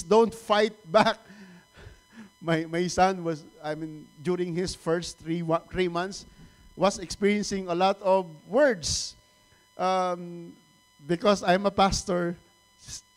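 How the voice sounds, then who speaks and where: High-voiced Filipino pastor preaching. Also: male voice. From Philippines. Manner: animated preaching, laughs often, repeats words. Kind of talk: sermon.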